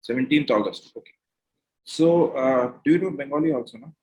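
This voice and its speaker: In a rough recording, a mock interviewer with an Indian accent speaks in a mid-range, darkish voice at a slightly fast pace. He moves between two languages while questioning and giving feedback, instructively repeating and rephrasing his questions and advice.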